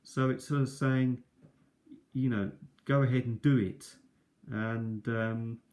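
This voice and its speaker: At an indoor kitchen table, a man hosts a video reviewing his cassette collection, an unscripted show-and-tell delivered in a casual, rambling way. He hesitates and corrects himself often, his mid-range voice steady, slow and a little mellow, recorded on a tablet's built-in mic.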